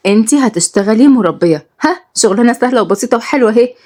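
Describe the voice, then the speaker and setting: A woman with an Egyptian accent voicing a loyal, brisk young best friend who scolds and reassures. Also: a little high, expressive, a little mellow. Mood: scolding.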